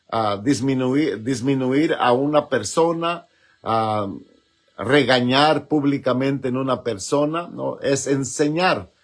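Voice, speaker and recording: A man delivers a teaching sermon at a very slow, measured pace. He pauses often with fillers and keeps checking in with the congregation through short tag questions. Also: medium pitch. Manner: asks listeners for agreement with repeated tag questions. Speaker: preacher.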